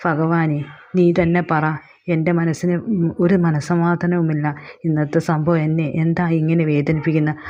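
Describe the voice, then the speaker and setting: A hurt young woman near tears speaks softly and pleads, as a woman reading a story voices her. The voice sits low and dark with little rise and fall. The recording sounds dull and lo-fi. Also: flat delivery, normal speed, close to an everyday voice. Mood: pleading.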